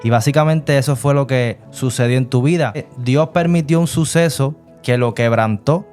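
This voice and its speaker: A man's voice: mid-range voice, moderate pace, darkish tone. Male host, faith testimony interview, preachy reflective questions, faint music underneath.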